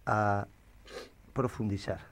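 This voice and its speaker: A man with an Argentine Spanish accent, hosting a radio talk show and steering the talk slowly and deliberately. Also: on the low side, steady tone, vocal fry, a little hiss or hum. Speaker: radio host.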